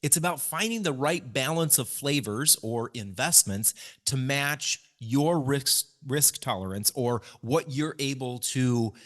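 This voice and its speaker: A man's voice: mid-range voice, unhurried, fairly bright tone. A middle-aged man co-hosting a podcast, explaining things patiently and laughing often. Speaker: podcast co-host. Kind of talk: casual chat.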